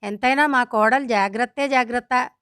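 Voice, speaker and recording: A woman's voice: on the high side, moderate pace, fairly bright tone, smooth, dry recording, clean studio sound, close to an everyday voice. A woman reading the lines of a retired elderly father-in-law who lectures his family firmly. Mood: chatty. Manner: firm, lecturing.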